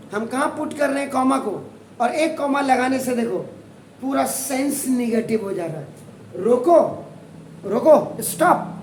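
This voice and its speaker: A man's voice: high-pitched, a little hiss or hum. A middle-aged man with an Indian accent, teaching a math word problem and moving between Hindi and English with emphatic, rambling delivery. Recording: echoey room from a distance.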